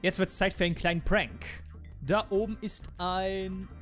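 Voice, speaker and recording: A man commenting on a video game he is playing, excitable, often yelling at enemies and swearing, with faint music behind. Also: sits high, measured pace. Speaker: let's player.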